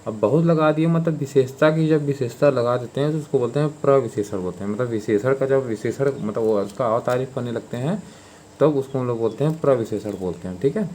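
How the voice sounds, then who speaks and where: A man's voice: mid-range voice, fairly quick, a little mellow, a little hiss or hum. A man teaching a grammar lesson for exam preparation in an informal, repetitive way, with many fillers and frequent check-ins.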